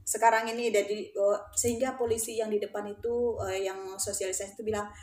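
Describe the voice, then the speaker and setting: A woman's voice: medium pitch, level tone, fast, a little mellow. A middle-aged woman, a teacher and former principal, telling stories animatedly and emotionally, acting out the voices. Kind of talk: storytelling in casual conversation. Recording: roomy echo.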